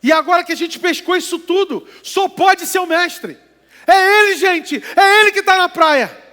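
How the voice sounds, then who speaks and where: A man voicing a stunned fisherman disciple in a sermon, his exclamations climbing higher and more breathless. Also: normal speed, pushed and bright. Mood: astonished. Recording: reverberant hall with music underneath.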